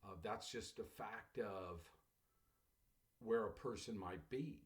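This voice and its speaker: A man's voice: lowish voice, slow. A man teaching a college English class, telling stories about students in a conversational way. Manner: conversational storytelling, addresses listeners as "class". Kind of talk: classroom lecture.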